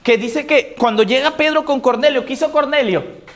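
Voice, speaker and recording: A man preaching a sermon, asking the congregation questions and answering them, moving between loud emphatic scripture reading and low, quiet asides. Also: normal speed. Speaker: pastor.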